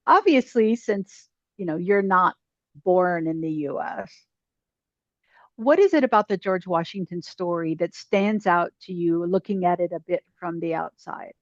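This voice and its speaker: A woman journalist conducting an interview, chatty and quick with asides. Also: lowish voice. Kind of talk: conversational interview. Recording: dry, dull lo-fi sound.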